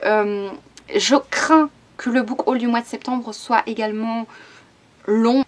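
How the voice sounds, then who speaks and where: A young woman from Belgium, chatting casually about her new books as a vlogger, often hesitating, restarting and filling pauses. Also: a little high. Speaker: book vlogger. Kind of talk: casual book haul chat.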